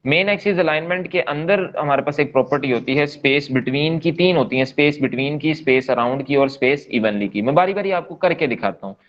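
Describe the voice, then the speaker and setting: A coding instructor leads a live online class, explaining step by step in a patient, repetitive way and checking in often with his students. His voice is a little high and brisk with few pauses, and the sound is lo-fi.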